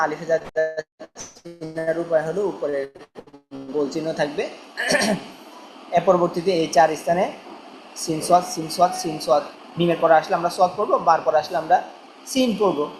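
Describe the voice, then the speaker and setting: A teacher giving a Quran reading lesson, spelling letters out slowly one by one and repeating them in a question-and-answer drill. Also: medium pitch, fairly even intonation, music in the background, rough recording.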